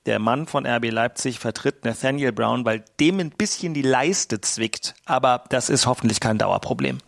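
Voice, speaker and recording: A man's voice: medium pitch, moderate pace, creaky. A man reporting live to a radio morning show as its football correspondent, with a dry, ironic manner. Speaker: World Cup reporter.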